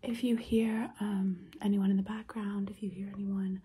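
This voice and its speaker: A woman in her thirties doing a whispered ASMR role-play as a pushy, rushed hairdresser, whispering fast and repeating herself up close. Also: medium pitch, little pitch movement, dark tone. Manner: hurried, repetitive fast whispering. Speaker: ASMR performer playing a hairdresser. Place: small sunlit room at home.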